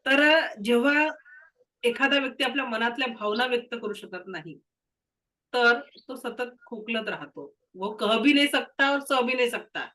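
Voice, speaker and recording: A woman's voice: mid-range voice, bright, forceful tone, poor audio. A woman teaching a reiki class. She has a cold and cough, and she explains patiently with case stories. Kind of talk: spoken lesson to students.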